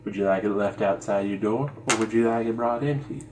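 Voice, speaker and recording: Creepy, deep-voiced Goliath manservant in a tabletop game, played by a woman. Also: quick pace, noisy background. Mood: creepy polite. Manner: repeats greetings in an odd, unsettling voice. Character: creepy male Goliath innkeeper servant.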